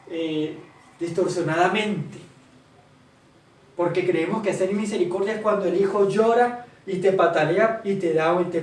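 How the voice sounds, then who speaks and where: A man's voice: sits high, darkish tone. A man preaching a sermon, asking questions and answering them himself. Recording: roomy hall, voice from far off, faint ambience.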